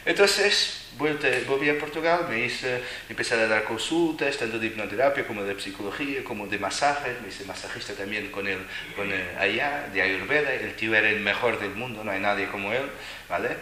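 Animated man telling stories. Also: fairly low pitch, fairly quick. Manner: animated, laughing, playful voices when quoting. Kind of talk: storytelling to a live audience. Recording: echoey room, faint noise.

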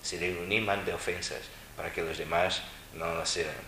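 A man's voice: low-pitched, steady tone, normal speed, sharp tone, slight background noise. A man giving a Buddhist dharma talk, teaching with wry, mocking asides. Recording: roomy echo with faint ambience.

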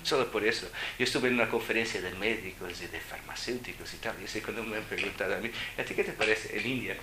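A man giving a live spiritual talk to an audience, animated and joking, with lots of rhetorical questions. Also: on the low side, quick pace. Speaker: spiritual speaker. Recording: roomy hall with ambient noise.

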